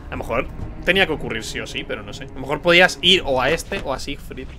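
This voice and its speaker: Young guy doing let's play commentary, jokey, talks to himself, game music loud behind. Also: mid-range voice, expressive, fast talker. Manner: chatty, joking, self-talking. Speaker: gamer streamer.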